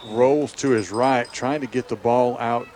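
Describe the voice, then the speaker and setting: A play-by-play announcer calls American football live on the radio, keeping a steady tone at a measured pace in a medium-pitched voice. A crowd can be heard in the background, and the outdoor stadium noise comes through clearly.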